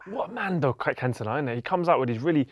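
A man's voice: fairly high pitch, lively intonation, racing, no room sound, lo-fi sound. A man interviewing in a casual, chatty style. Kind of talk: casual chat.

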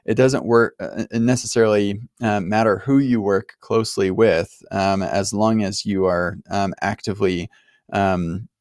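A man's voice: fairly low pitch, fairly even intonation, a little slow, a little mellow, no echo, studio quality. A man hosting a podcast, answering a caller's question in a friendly, reflective way, thinking aloud with some fillers. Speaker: podcast host.

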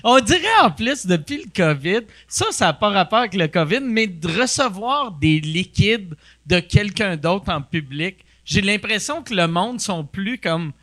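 A man with a Québécois accent in casual chat, joking and excitable in quick banter. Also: high-pitched.

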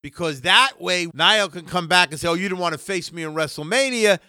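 A man's voice: sits high, brisk, bright, forceful tone, clear, resonant tone, no room sound, clean studio sound. A man in his sixties co-hosting a wrestling podcast, blunt and jokey in casual chat. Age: 60s. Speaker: podcast co-host.

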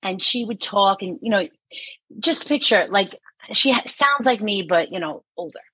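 Husky bright-voiced New York woman chatting. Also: medium pitch, moderate pace, no room sound, rough recording. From Queens, New York. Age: 40s. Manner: animated, laughs often, teasing. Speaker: podcast co-host. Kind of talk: casual chat.

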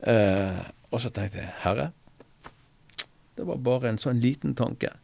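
A man's voice: mid-range voice, creaky, darkish tone. A man telling a personal faith story in casual conversation, earnest, hesitant and full of fillers and restarts. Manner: earnest, preacher-like retelling. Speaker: interview guest sharing a testimony.

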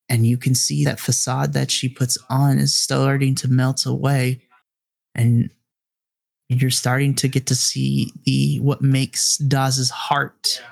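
A man's voice: mid-range voice, vocal fry. A man narrating a tabletop game as game master, speaking to the player in second person.

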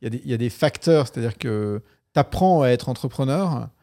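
Middle-aged male guest, candid and animated, casual swearing, mid pitch. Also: fairly quick. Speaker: investor guest. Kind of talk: casual interview chat.

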